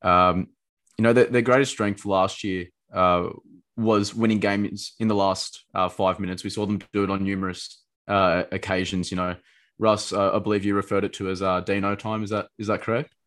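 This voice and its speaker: Flat, low-voiced co-host. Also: male voice, normal speed. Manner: hesitant, many fillers, asks long questions. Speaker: podcast co-host. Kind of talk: casual podcast chat.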